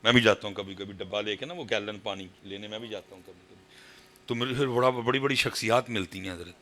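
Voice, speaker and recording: A Pakistani man with a Punjabi accent preaching a sermon at a religious gathering, moving from quiet talk to high shouted exhortation. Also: fast talker. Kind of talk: impassioned sermon.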